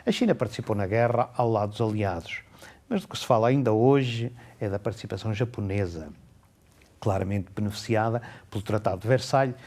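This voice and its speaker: A man, speaking in a fairly low voice. He reviews a book in a calm, measured way and takes his time over each passage he reads aloud. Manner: measured, reads excerpts slowly and deliberately.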